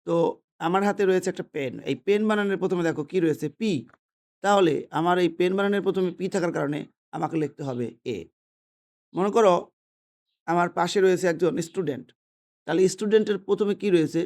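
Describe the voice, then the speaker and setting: A man's voice: high-pitched, brisk, pauses often, darkish tone. A man teaching a grammar lesson, patiently repeating himself and asking questions that he then answers. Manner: patient, repetitive, asks and answers his own questions. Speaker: English teacher. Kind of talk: explaining English grammar lesson. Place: indoors, holding a pen.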